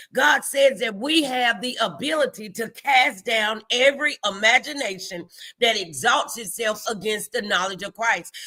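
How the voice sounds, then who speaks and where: An American host of a motivational morning live show speaks in a voice on the high side, pushed and bright. Her style is emphatic, encouraging and full of faith, with phrases repeated for effect.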